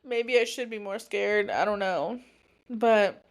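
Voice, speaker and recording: A woman's voice: mid-range voice, slow. A woman in her twenties hosting her own podcast, talking casually and rambling with many fillers. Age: 20s. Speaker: podcast host; teacher. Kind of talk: casual solo podcast monologue.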